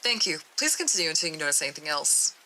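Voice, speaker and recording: A woman's voice: low voice, sing-song, quick pace, pushed and bright, slight background noise, full character voice, low-quality recording. A woman voicing a formal interviewer who gives short, polite orders in a horror story reading. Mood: curt. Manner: curt, formal instructions.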